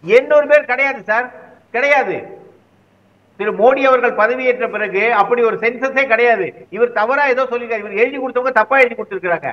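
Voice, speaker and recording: A man's voice: very high voice, a little fast, dull audio. A man speaking as a guest commentator in a heated political interview, arguing his side with repeated rhetorical questions.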